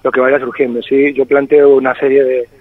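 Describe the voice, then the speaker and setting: Over a tinny, dry telephone line without any room sound, a man in his forties speaks in a flat, mid-range voice at normal speed. The Spain-born singer-songwriter has a slight Argentine-tinged Spanish accent and reflects hesitantly throughout the interview.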